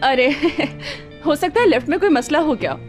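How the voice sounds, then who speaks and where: A woman's voice: high-pitched, lively intonation, measured pace. An actress playing a coy, theatrical woman in her thirties in a dubbed TV drama. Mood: teasing. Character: teasing, theatrical woman turning soothing. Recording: music under the voice.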